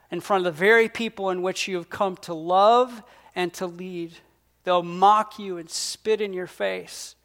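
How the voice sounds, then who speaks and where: A man's voice: high-pitched, a bit bright. A man voicing God the Father, speaking to his son in an earnest, intense way in a sermon. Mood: solemn. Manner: earnest, intense, pleading to press on. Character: God the Father, solemn, fatherly, commanding male deity.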